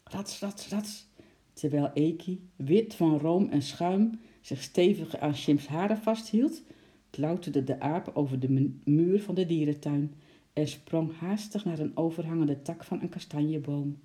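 A storyteller reading a children's book aloud in a lively, expressive way, acting out sound words along the way. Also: medium pitch, unhurried.

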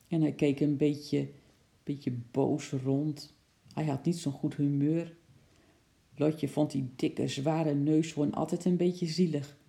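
A reader calmly narrating a children's storybook in a gentle storytelling manner. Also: mid-range voice, gravelly.

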